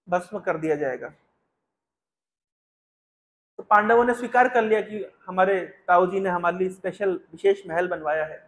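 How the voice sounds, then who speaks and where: Spiritual teacher, male, high-pitched voice, explains step by step and keeps questioning his listeners. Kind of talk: Hindi discourse with chanted Sanskrit verse.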